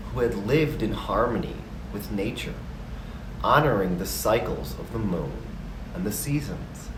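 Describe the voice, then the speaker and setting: Slow, low-voiced man, calm gentle storyteller. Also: echoey room, recorded from a distance, noisy background. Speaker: storyteller, narrator. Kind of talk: slow scripted storytelling narration.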